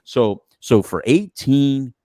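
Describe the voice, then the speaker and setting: A middle-aged man hosting a podcast in casual chat, animated and rambling, laughing often as he talks. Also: medium pitch, takes it slowly, no echo, studio quality. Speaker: podcast host.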